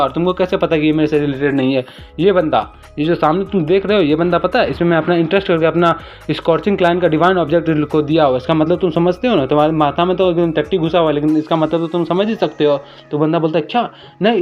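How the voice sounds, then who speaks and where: A man retelling a comic story in a casual recap, talking rapidly and briefly raising his voice for quoted lines. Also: on the high side. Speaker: manhwa recap narrator. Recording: dull lo-fi voice-over with faint music.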